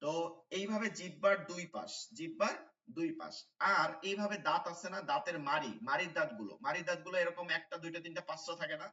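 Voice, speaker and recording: A man's voice: a little high, fast talker, pushed and bright, reverberant, far from the mic, highs cut off. A man teaching Quran letter pronunciation in an online class, patiently repeating the sounds and checking with his students. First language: Bengali.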